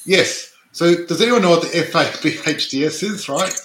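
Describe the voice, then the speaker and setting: A man's voice: fairly high pitch, animated, moderate pace, a bit bright, reverberant, a little hiss or hum, rough recording. A man from Adelaide, whose first language was not English, co-hosting a casual podcast chat and often tagging his points with "right?". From Australia (Adelaide). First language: not English; parents were immigrants. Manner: chatty, tags statements with "right?", many restarts. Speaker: podcast co-host, real estate investor.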